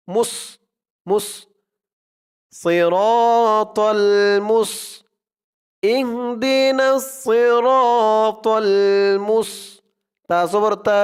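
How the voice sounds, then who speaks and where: A man teaching Quran pronunciation, spelling out each letter slowly and then chanting the verse in long drawn-out tones. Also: sits high. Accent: Bangladeshi Bengali.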